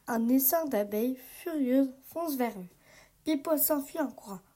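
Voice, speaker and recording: A woman reading a children's picture book aloud, telling the story slowly and gently. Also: high-pitched, expressive.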